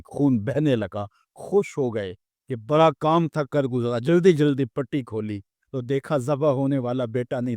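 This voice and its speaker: A man preaching an impassioned storytelling sermon, swelling and dropping dramatically and chanting verses slowly. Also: mid-range voice, a little mellow, dry recording, studio quality. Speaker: Islamic preacher.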